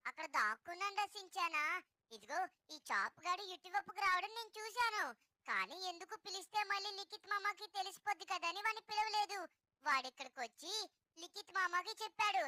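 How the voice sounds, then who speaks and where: A cartoon robot cat with a very high, piercing childlike voice. He whines and points fingers at his friends. The sound is dry and close. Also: sharp tone, dry recording. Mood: complaining. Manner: accusing, whiny, argumentative.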